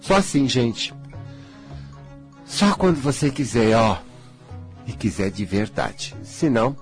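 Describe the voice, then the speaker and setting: A man's voice: mid-range voice, very animated, slow pace, soft background music. A man in his sixties from Brazil, a spiritual healer talking casually and bluntly, acting out the voices of others. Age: 60s.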